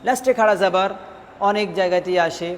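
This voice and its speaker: A fast-talking man with a high voice gives a classroom lesson on Quran recitation, with a long reverb tail and slight background noise. He asks the students questions, repeats their responses, and draws out syllables in a drill.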